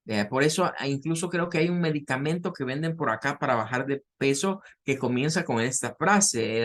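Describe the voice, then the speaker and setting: A man, teaching an English class, explaining patiently with repetitions and fillers. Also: medium pitch. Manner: patient, repeats words and fillers while explaining.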